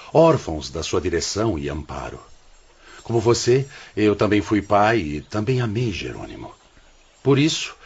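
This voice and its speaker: A deep, husky male voice, recorded with dull audio, gives a full character performance as the serene, humble elder spirit heading an afterlife hospital in a religious radio drama. The actor speaks solemn, formal, patient Brazilian Portuguese with a kindly, compassionate feel.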